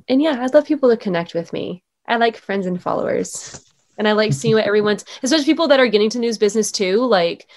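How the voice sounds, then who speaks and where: A young adult woman who used to be a sports anchor speaks casually as an interview guest in a mid-range voice. She is upbeat and chatty, with lots of "um" and "like".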